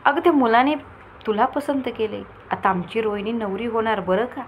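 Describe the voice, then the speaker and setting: A woman's voice: fairly high pitch, moderate pace, a little hiss or hum, lightly acted. A woman voicing a cheerful middle-aged aunt who teases her niece with amusement. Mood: teasing. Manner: teasing, amused.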